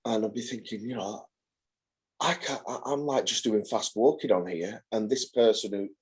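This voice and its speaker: A man's voice: on the low side, moderate pace, husky. A man in his forties, a carer taking part in a support group on a video call, talking hesitantly and often repeating words as he restarts. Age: 40s. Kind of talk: casual group chat.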